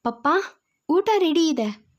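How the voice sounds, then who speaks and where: Worried young daughter in an audio story, voiced by a woman; high, mellow tone, lo-fi. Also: animated, takes it slowly. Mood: anxious. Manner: pleading, anxious questions. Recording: dull lo-fi recording.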